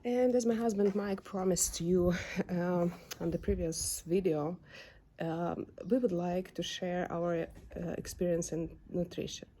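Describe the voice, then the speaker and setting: A young Ukrainian-accented woman, a dog owner, vlogs casually from her home backyard. Her soft, mellow voice sits on the low side with fairly even intonation, and she speaks slowly and unhurriedly, pausing often with fillers as she searches for English words.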